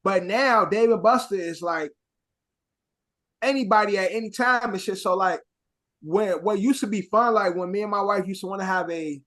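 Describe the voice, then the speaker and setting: A man's voice: high-pitched, fairly bright tone. A young adult man co-hosting a podcast, chatting casually in a rambling, profane way. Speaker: podcast co-host. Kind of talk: casual chat.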